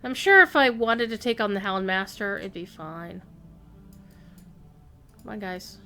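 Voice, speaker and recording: A woman's voice: medium pitch, lively intonation, unhurried. A woman game streamer giving casual live commentary, musing and thinking aloud as she plays. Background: soft game music.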